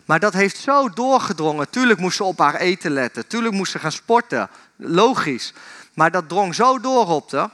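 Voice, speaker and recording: A man's voice: high-pitched, big pitch swings, moderate pace, pushed and bright. A man preaching in a church, telling stories and talking directly to the people in front of him. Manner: storytelling, addresses the audience directly. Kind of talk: sermon.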